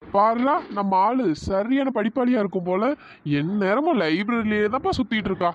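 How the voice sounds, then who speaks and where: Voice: mid-range voice, animated, fairly quick, highs cut off, natural voice. A performer doing a pestering young college guy. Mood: teasing. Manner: teasing, then pleading and apologetic. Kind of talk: cartoon storytelling dialogue.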